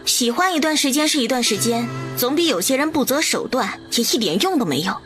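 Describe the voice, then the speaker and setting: An actress voicing a confident young village woman doctor with cool, cutting retorts in an animated drama. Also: high-pitched, a little fast, soft background music.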